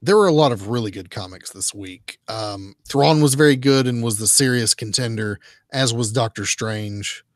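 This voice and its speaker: A man's voice: medium pitch, normal speed, no room sound, clean studio sound. A man co-hosting a comic book podcast, recapping a story in casual chat with lots of fillers and restarts. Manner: rambling, many fillers and restarts. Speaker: podcast co-host.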